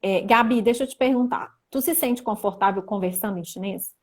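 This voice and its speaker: Young Brazilian woman, chatty livestream teacher, medium pitch, talking to viewers through a phone mic. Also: a little fast. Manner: chatty, reads viewer comments aloud, animated. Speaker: livestream host teaching Mandarin. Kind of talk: casual livestream lesson.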